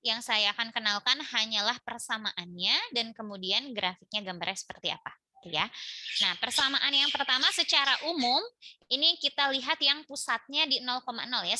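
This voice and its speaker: With a fairly high pitch, a pushed and bright tone, and a normal speed, a woman explains math step by step in an online lecture, chatty and fond of the tag "gitu ya." There's no echo. She records at home in a village by a busy road, with motorbikes passing outside.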